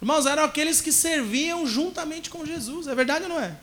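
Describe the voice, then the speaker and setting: A man preaching a sermon in a church, leading the congregation in call-and-response and shouting at the peaks. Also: very high-pitched, brisk. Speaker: pastor.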